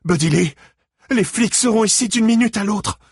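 A man reading plays a frightened wife crying out in alarm. His voice jumps high and tight, with a husky texture, recorded close and dry. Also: moderate pace, darkish tone, dry recording. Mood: alarmed pleading. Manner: crying out, urgent. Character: frightened middle-aged wife, pleading.

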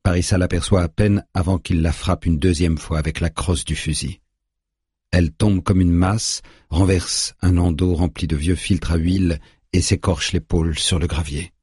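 A man narrating an audiobook in a grave, measured way, recorded on a close studio mic. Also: sits low, steady tone, darkish tone, slightly rough, no room sound.

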